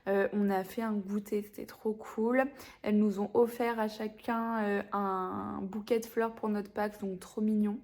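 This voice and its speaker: A woman's voice: mid-range voice, flat delivery, a little slow, a little mellow. A young adult woman chatting casually to a vlog audience in an informal, slangy way. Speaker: vlogger and business coach.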